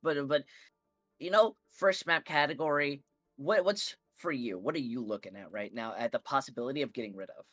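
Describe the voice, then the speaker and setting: Brief: male esports caster, mid-pitched, loose joking delivery, dry booth sound. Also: fairly quick, a bit bright, no echo, soft background music. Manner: rambling, playful, many fillers. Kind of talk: casual live game commentary.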